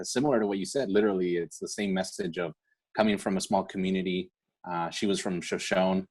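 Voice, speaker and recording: The host of a scholarship foundation's online awards event has a low voice with a breathy edge. He talks casually and sincerely, encouraging his audience and frequently tacking on "right?" to seek agreement.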